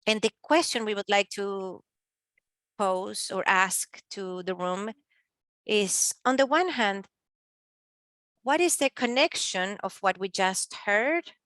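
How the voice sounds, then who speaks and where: A woman giving simultaneous interpretation of a panel discussion, speaking haltingly with pauses and filler sounds. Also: medium pitch, a bit bright, dry recording.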